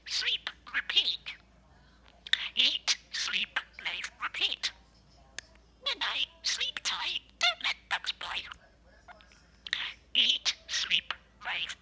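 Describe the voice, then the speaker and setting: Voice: high voice, gravelly, pushed and bright. A talking pet budgie, a small male parakeet, mimicking affectionate phrases in scratchy, buzzy, chirping parakeet chatter. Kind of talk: mimicked speech, sweet talk.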